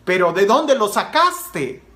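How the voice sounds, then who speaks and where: A man's voice: high voice, sing-song, slow, sharp tone, roomy sound, heavily acted. A man voicing a kindly, alarmed priest who pleads in a raised storyteller voice. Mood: pleading.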